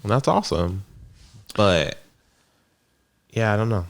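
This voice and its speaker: A man's voice: fairly low pitch, very animated, measured pace, gravelly. A man in casual podcast chat giving blunt opinions.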